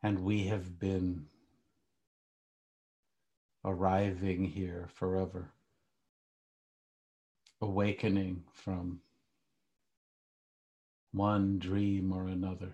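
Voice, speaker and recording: A man teaching meditation, leading a calm grounding exercise in short, hushed phrases with long pauses. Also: deep voice, vocal fry, highs cut off.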